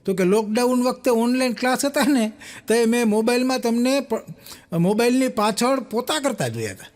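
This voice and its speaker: High-voiced joke teller. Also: male voice, lively intonation, normal speed. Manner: folksy storyteller, acts out dialogue with laughs. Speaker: comedian telling jokes. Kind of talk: stand-up joke telling.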